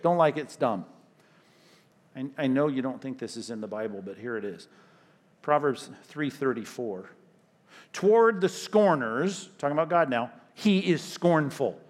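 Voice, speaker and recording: A male pastor preaching a sermon in an emphatic way. He repeats himself, throws in sudden loud stresses, and drops into quiet asides. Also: medium pitch.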